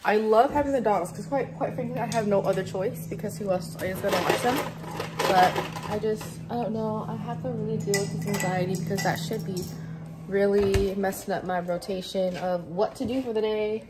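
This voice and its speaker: A woman's voice: mid-range voice, steady tone, moderate pace, heavy background noise. A woman in her late twenties talking casually and bluntly to her phone camera while she cooks in her kitchen, swearing freely. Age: late 20s. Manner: blunt, profane, chatty. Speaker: vlogger. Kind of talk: casual vlog chat. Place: small apartment kitchen, indoors.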